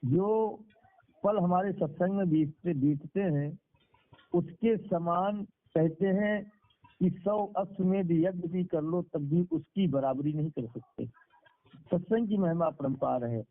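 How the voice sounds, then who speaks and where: Over the telephone, a higher-voiced man leads a conference call with a devotional sermon and morally instructive stories. He takes a slow pace and leans on repetition for emphasis, all heard through a tinny line.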